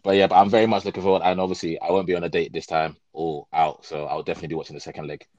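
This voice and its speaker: A man talking football with friends on a casual podcast, excitable and jokey, acting out quotes loudly. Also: sits low, very fast, dry recording, dull audio. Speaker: podcast co-host.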